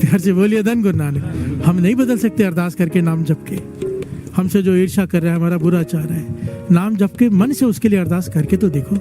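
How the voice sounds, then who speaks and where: With music in the background, a high-voiced man speaks fairly quickly as he leads a devotional gathering. Through stories, he encourages the congregation to call responses back to him.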